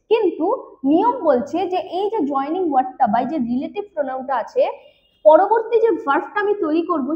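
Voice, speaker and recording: High-voiced Bengali teacher drilling grammar. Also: female voice, highs cut off. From West Bengal, India. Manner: mixes Bengali and English, repeats key points slowly, asks and answers her own questions. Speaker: English teacher. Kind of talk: exam-prep grammar lesson.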